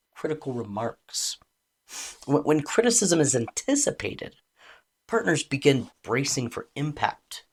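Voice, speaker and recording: A woman relationship coach giving a calm, deliberate educational talk, explaining with expressive emphasis. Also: extremely low pitch, gravelly, breathy edge.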